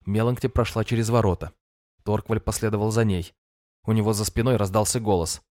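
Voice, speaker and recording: A man reads a fantasy tale in a low, measured voice. The recording is close and dry, with no room sound around him. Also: fairly even intonation, a little mellow, no room sound. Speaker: audiobook narrator. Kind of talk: scripted fantasy narration.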